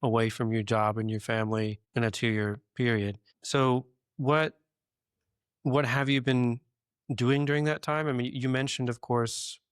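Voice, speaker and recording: A man hosting a conversational interview, speaking in a measured way and rephrasing his questions as he goes. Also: medium pitch, fairly even intonation, clear, resonant tone, no echo, studio quality. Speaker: interviewer, host.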